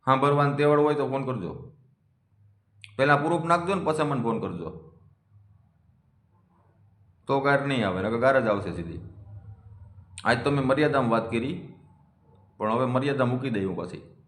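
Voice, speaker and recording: A man's voice: mid-range voice, moderate pace, long pauses, fairly bright tone. Defiant man in an echoey room. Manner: defiant, scolding, challenging. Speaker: community vlogger. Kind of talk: confrontational monologue.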